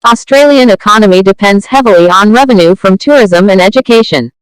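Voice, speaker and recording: A man's voice: sits high, fairly quick, clean tone, no echo, rough recording. A man dictating practice sentences, reading them aloud for an English test.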